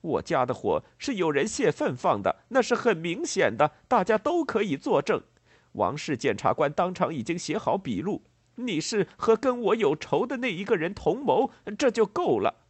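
A man voicing a greedy, bullying middle-aged landowner who shouts and blusters in a husky voice. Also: high voice, big pitch swings, moderate pace, dry recording, voice pushed up, full character voice. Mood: furious.

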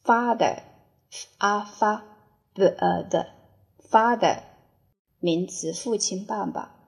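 A woman runs a vocabulary spelling and dictation drill, spelling each word out and repeating it before giving its meaning. She speaks extremely slowly. Her voice has a gravelly, creaky edge. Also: mid-range voice. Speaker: English teacher.

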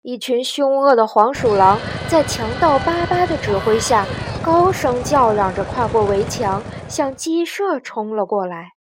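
A woman narrating a children's storybook slowly and expressively. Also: a little high, background noise. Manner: slow, clear and expressive.

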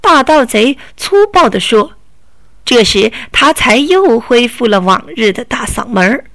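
A woman reading a children's story aloud, narrating slowly and deliberately. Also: a little high, sing-song, fairly bright tone, no room sound.

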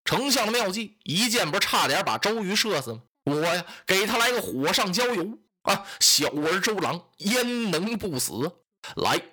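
A man voicing a boastful, gloating enemy general in a spoken storytelling tale, with a slow, self-satisfied drawl. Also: high voice, big pitch swings, sharp tone, breathy edge, exaggerated voice.

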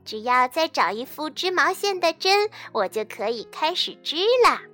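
A woman voicing an eager, cheerful little mouse in a children's storybook, with a squeaky and bouncy delivery. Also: big pitch swings, normal speed, sharp tone, soft background music, exaggerated voice. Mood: pleased.

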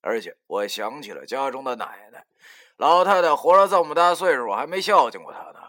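A man narrating a first-person audiobook in a lively, colloquial, wry manner, with casual cursing. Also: mid-range voice, fairly quick.

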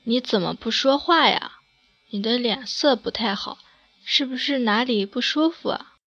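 A woman's voice: fairly high pitch, moderate pace, fairly bright tone, no echo, muffled recording. A woman voicing a caring schoolgirl friend who gets annoyed easily and speaks in a plain way. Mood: concerned. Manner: plain, slightly peeved.

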